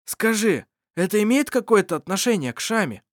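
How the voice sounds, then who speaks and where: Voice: mid-range voice, big pitch swings, a little fast, dry recording, studio quality, pitched above the performer's own voice, close to an everyday voice. A reader voicing an older grandfather, anxious and urgent, with a raised pleading voice, in an audiobook. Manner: pleading, then heavy and hushed.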